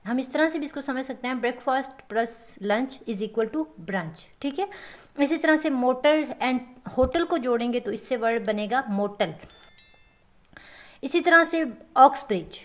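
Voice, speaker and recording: A woman teaching a lecture to students, explaining step by step and often checking that they follow. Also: high voice. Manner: explains slowly with repeated check-ins.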